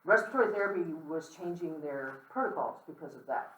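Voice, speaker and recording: A guest speaker on death and dying gives an informal lecture to a campus audience in a large room, candid and conversational, with asides, light humor, and frequent "okay?" check-ins. The voice is mid-pitched, fairly bright, and fairly quick with lively intonation. Recorded from a distance, each phrase rings with the room's echo.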